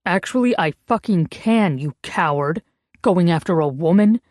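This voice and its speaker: A woman's voice: lively intonation, normal speed, a little mellow, no echo, studio quality, natural voice. A woman doing a cold, menacing protector. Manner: cold, low, threatening. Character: big, menacing, protective man, dour.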